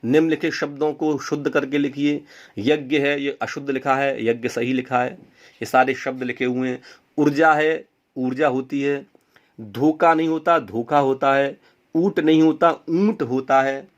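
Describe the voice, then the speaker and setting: A man's voice: medium pitch, flat delivery, moderate pace, dull audio. A man teaching a Hindi grammar lesson, repeating words and asking and answering his own questions. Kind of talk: classroom lesson.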